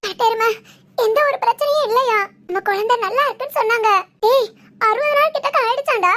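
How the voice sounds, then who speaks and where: A woman's voice: extremely high pitch, brisk, fairly bright tone. A woman playing a young pregnant wife who is overjoyed and weepy, crying and laughing as she talks. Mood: elated. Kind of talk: village family drama acting.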